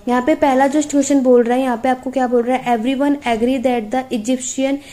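A young woman teaching an exam-prep class, with a fairly high voice and a soft, mellow tone. She reads English passages aloud slowly and then explains each one patiently. She checks in with her students again and again. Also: steady tone. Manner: explains patiently, often checking with "theek hai".

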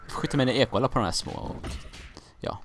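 Young man, from Sweden, gameplay commentary, animated delivery, gravelly, rambling jokes. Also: mid-range voice, background noise. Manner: rambling, joking, easily confused, mild swearing. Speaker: gaming let's-player.

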